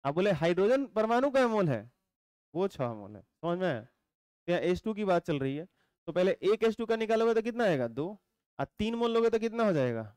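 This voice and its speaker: A male teacher, giving a chemistry lecture, explaining slowly and repeating points while quizzing his students. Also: high-pitched, a little mellow, clear, resonant tone, dry recording. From India.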